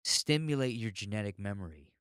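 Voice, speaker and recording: An American podcast host rambles and rants alone, unfiltered and sweary, in a lowish, expressive voice that is brisk and fairly bright. The sound is clean, studio quality, with no echo.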